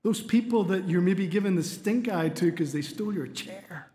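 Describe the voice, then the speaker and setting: High-voiced preacher. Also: male voice, normal speed, noisy background. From Spain. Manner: earnest storytelling with light humor. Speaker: pastor. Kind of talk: sermon. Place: church sanctuary. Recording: long hall reverb in a church.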